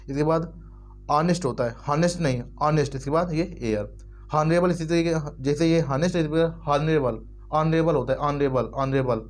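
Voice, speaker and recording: A man's voice: a little high, a little mellow. A man teaching English grammar in Hindi, repeating words over and over and spelling them out letter by letter. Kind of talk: explanatory lesson in Hindi.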